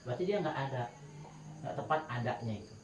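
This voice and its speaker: A man's voice: medium pitch, animated, fast talker, noisy background. A man teaching Quran recitation rules to his students in a casual, chatty way, often breaking into melodic chanting to demonstrate, heard from a distance in a roomy space with faint crickets. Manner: chatty, laughs while telling anecdotes. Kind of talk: casual tajwid lesson to students.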